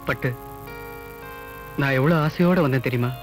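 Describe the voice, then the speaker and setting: A young actor playing a wealthy suitor who gently coaxes his beloved in a film drama. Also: mid-range voice, normal speed, soft background music, lightly acted. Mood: tender. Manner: gentle, coaxing. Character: young wealthy man courting a village girl, tender and coaxing. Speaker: romantic lead, suitor of a fisherwoman.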